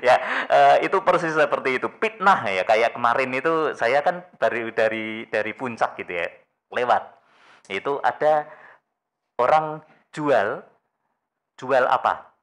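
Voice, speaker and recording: Slow, animated male preacher. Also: medium pitch. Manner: storytelling with rhetorical questions and humorous asides. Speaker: pastor. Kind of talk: sermon.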